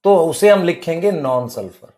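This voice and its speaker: A man's voice: a little high, animated, moderate pace, warm tone. A male biology teacher, explaining at the board and quizzing students with rhetorical questions. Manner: addresses students as beta and bhai.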